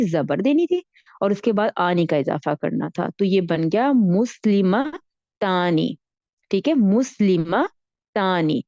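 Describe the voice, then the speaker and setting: A woman's voice: medium pitch, warm tone, dry recording, muffled recording. A woman teaching Arabic grammar in a patient way, often repeating herself and checking that her students follow. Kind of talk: online Arabic grammar lesson in Urdu.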